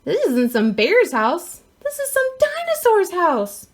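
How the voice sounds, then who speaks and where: A headstrong little girl from a fairy tale, acted by a woman reading aloud, with a raised pitch. She is greedy and self-absorbed, voicing every thought as an exclamation. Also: wildly swooping pitch, takes it slowly, full character voice. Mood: realizing.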